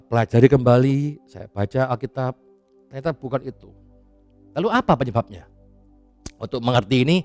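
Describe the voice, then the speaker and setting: Animated preaching man with faint music. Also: medium pitch. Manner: chatty and animated, laughs often, casual asides. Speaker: pastor. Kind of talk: sermon.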